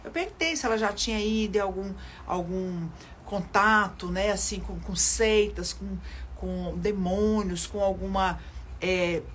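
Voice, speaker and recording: A woman's voice: medium pitch, a little slow, a little hiss or hum. An older woman from Brazil preaching in a livestream sermon, earnestly addressing viewers and repeating phrases for emphasis. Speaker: children's ministry leader.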